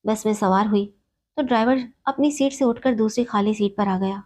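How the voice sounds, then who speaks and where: A woman reads a heartfelt first-person story aloud with steady, sorrowful delivery. Her voice sits at an ordinary middle pitch for a woman, and the telling is scripted storybook narration.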